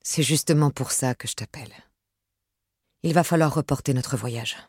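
A young fiancé from a romance audiobook, apologetic and always rushing off, as a woman narrator reads him. The voice is low and husky, hardly changed from the reader's own. It is recorded close and dry. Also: a little mellow, dry recording.

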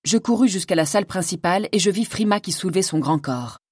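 A woman narrating a fantasy audiobook in the first person, measured and dramatic. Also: fairly low pitch, expressive, a little mellow, breathy edge, no echo, clean studio sound.

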